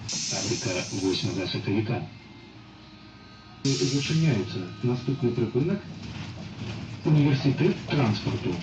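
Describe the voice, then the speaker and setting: A man giving formal, measured stop announcements played over a bus PA loudspeaker. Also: mid-range voice. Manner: measured, formal, even delivery. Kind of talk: prerecorded transit announcement. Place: inside a moving city bus. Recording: echoey, distant, noisy bus interior.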